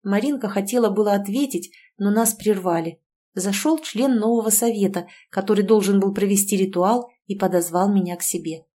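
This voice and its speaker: A woman's voice: medium pitch, normal speed, warm tone. Woman narrating a romance audiobook. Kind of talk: first-person fantasy romance narration.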